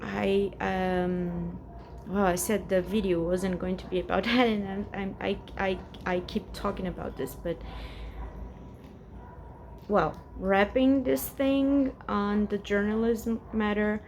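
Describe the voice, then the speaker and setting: A woman's voice: mid-range voice, fairly even intonation, slow, darkish tone, slight background noise. A woman in her forties from Brazil, speaking English with a Brazilian Portuguese accent and Portuguese as her first language, rambling hesitantly in a casual personal vlog at home. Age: 40s. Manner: rambling and hesitant, many restarts. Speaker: vlogger.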